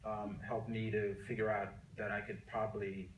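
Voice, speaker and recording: A man's voice: fairly low pitch, little pitch movement, moderate pace, a little hiss or hum. A middle-aged man who grew up in Jamaica talks through his memories as an interview guest, circling back and restarting his sentences. He sits a little back from the mic. The room gives his voice a noticeable echo. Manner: rambling, many restarts and fillers. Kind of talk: relaxed conversational storytelling. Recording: echoey room, mic at a distance.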